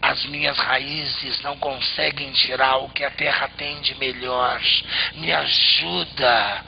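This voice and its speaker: A man voicing a dying tree that pleads slowly in a low, hoarse voice. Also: steady tone. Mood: moaning plea. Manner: slow, low, drawn-out pleading. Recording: slightly muffled, faint background noise.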